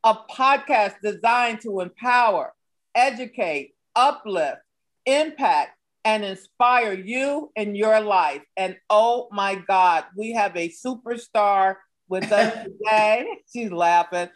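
A woman's voice: mid-range voice, takes it slowly. A woman hosting a podcast who gives effusive introductions and interviews her guest. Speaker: podcast host.

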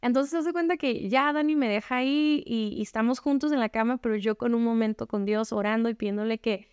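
A woman's voice: a little high, a little fast, a little mellow, clear, resonant tone, no room sound, muffled recording. A woman giving a candid personal faith testimony to other women, conversational and frank. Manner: conversational, frequent rhetorical "¿no?". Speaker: speaker sharing a faith testimony.

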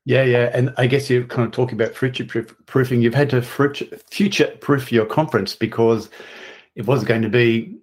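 Man, podcast host, mid-pitched voice, casual intro style. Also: fairly even intonation, normal speed, darkish tone. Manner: friendly introductions, occasional restarts. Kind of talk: podcast hosting.

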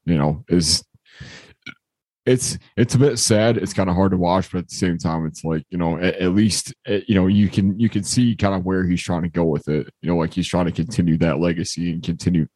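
A man's voice: low-pitched, brisk, a little mellow, no room sound. A young man chatting casually on a podcast, rambling with lots of fillers and restarts while he has the hiccups. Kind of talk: casual chat.

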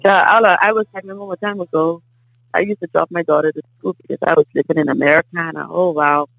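A middle-aged woman from the Bahamas with a Bahamian accent, a guest in a casual table conversation, telling stories in a lively way and often asking "you understand?". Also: low-pitched, fast, vocal fry, dry recording, soft background music, poor audio. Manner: animated storyteller, often asks "you understand?".

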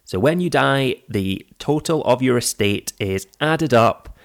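A man with a croaky, froggy voice, hoarse from flu, presenting a podcast in a semi-scripted, explanatory way. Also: mid-range voice, expressive, unhurried. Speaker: podcast host. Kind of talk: scripted personal finance podcast narration.

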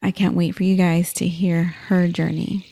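A woman hosting a career podcast, with an encouraging scripted intro and then relaxed, supportive interview chat. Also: lowish voice, moderate pace, gravelly. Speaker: podcast host and career coach.

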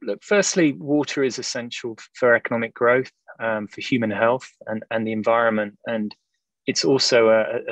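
Low-voiced male analyst in dry sound. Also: fairly bright tone, dry recording, rough recording. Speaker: corporate analyst, interview guest. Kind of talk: explanatory podcast interview.

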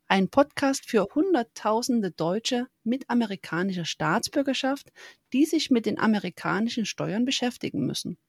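A woman hosting a podcast, reading a clear intro and asking plain interview questions. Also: a little high, lively intonation, normal speed, soft background music. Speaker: podcast host.

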